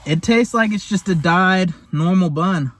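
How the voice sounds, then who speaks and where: Young male food vlogger, high-pitched, excitable and slangy, chatting between bites. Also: measured pace, dry recording. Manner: talks while eating. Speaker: food reviewer. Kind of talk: casual taste-test vlog.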